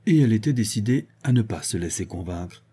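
Male audiobook narrator, low dark voice, husky, measured reading. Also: expressive. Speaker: audiobook reader.

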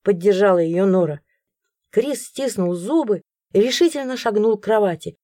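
A woman narrating a first-person audiobook in an expressive storytelling manner. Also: medium pitch, normal speed, no echo, studio quality.

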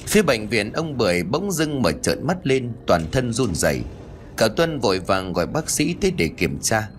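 A man narrating a ghost story in an expressive, dramatic storytelling manner. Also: medium pitch, moderate pace, a little hiss or hum.

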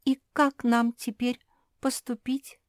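A woman voicing a timid, tearful female liar creature who sobs and frets in a high voice. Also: slow, a little mellow, dry recording, studio quality. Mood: fretful. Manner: sobbing, shrill, fretful.

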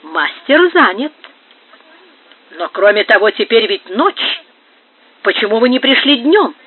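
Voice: medium pitch, very animated, measured pace, slightly rough. The reader voicing a male yard worker who sounds wary and cheeky, in an audiobook. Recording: narrow phone-like sound.

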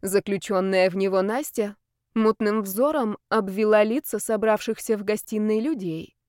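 A woman reading an audiobook in a steady narrating voice. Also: medium pitch, normal speed, no echo, clean studio sound. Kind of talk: scripted narration.

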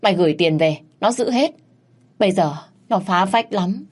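A woman voicing a spiteful, scheming old village mother-in-law who wails and scolds in a shrill voice. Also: animated, normal speed, a little mellow, husky. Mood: wailing.

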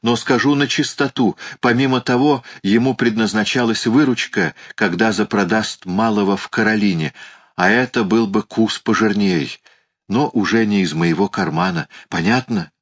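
A man's voice: lowish voice, normal speed, pitched above the performer's own voice, lightly acted. A man voicing a miserly, fretful old uncle in an audiobook, whining and flustered in protest. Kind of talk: audiobook character reading.

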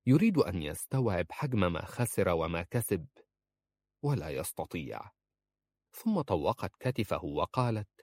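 Deep-voiced man narrating a novel. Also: dry recording.

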